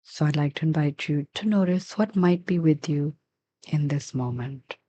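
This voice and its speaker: This woman's voice is deep, and she uses it to lead a guided meditation as a teacher. Unrushed and gentle, she gives instructions and leaves long pauses.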